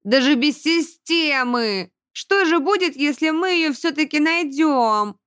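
A woman's voice: high voice, lively intonation, takes it slowly, fairly bright tone, no echo, clean studio sound, pitched above the performer's own voice, full character voice. A woman voicing an exhausted young schoolgirl who whines and pants between words. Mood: whiny. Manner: whiny, panting. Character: exhausted, breathless young girl student.

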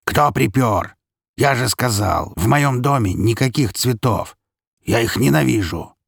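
A furious, brutal drunk father, as a male narrator plays him in a storybook reading, his low voice gravelly and harsh. He bellows and drags out his threats slowly. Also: dry recording, studio quality. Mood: menacing. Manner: bellowing, menacing, drawn-out threats. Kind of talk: audiobook character voice.

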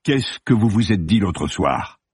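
A man reads a hard-pressing male police commander in an audiobook. His voice sits low and husky, cold and insistent. The sound is dry and close. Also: very animated, a little slow, a little mellow, dry recording, heavily acted. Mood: stern. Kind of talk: audiobook character voice.

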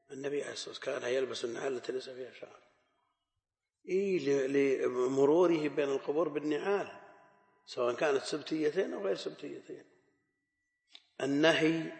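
A man with a gravelly, creaky voice teaches a classical Arabic lesson on hadith. He explains in a measured way, repeating key phrases for emphasis. His voice rings out with a long reverb, as in a large hall. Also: mid-range voice. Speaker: Islamic scholar teaching hadith.

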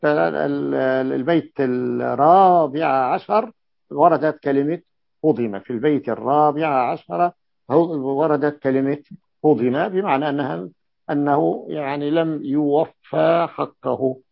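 A man's voice: on the high side, a little slow, vocal fry, no room sound. A man teaching a classical grammar lesson, repeating key terms and asking his students checking questions. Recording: dull lo-fi dry recording.

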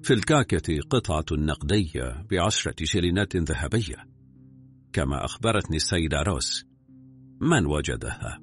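A man voicing a calm young man who speaks low and measured. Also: soft background music.

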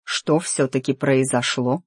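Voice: medium pitch, fairly even intonation, slightly rough, no room sound, clean studio sound. Stefan, reader voicing a tense, stubborn nobleman. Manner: restrained, clipped, slow. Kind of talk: audiobook character dialogue.

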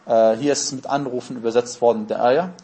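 A man's voice: medium pitch, steady tone, quick pace, dark tone. A man giving a religious lesson, explaining terms step by step and answering his own questions. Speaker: Islamic teacher.

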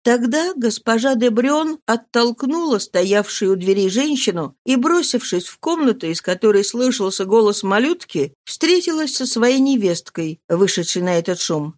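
A woman reading a novel aloud as narrator, in an expressive, dramatic manner. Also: fairly high pitch, moderate pace, few pauses. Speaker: audiobook reader. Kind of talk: scripted narration.

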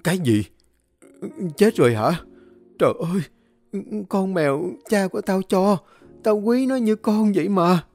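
A woman's voice: on the low side, sing-song, moderate pace, mellow, faint music behind, pitched above the performer's own voice. A man voicing a fussy, scolding old woman in a storybook tale, wailing over her complaints. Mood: dismayed. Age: older.

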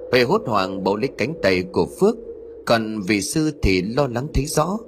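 A man narrating a horror story as an audiobook reader, in an expressive storytelling way. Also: fairly low pitch, background noise.

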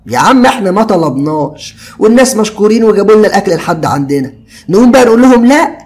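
A man's voice: high-pitched, very animated, rapid-fire, voice pushed up. A man voicing a carefree young male friend who jokes and brushes off worry, in an Egyptian Arabic accent. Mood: teasing. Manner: easygoing, joking, brushes off worry.

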